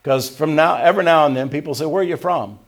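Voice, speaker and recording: An older man from Tennessee preaching a sermon, quoting scripture in old-fashioned wording and swinging between loud emphasis and hushed asides. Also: on the high side, quick pace. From Tennessee, USA. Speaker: pastor.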